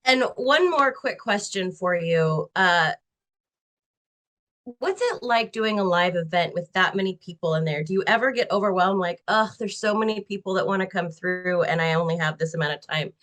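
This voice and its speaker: A woman's voice: on the low side, lively intonation, normal speed, fairly bright tone. A woman hosts a casual interview in a friendly way and asks her guest questions. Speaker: interview host.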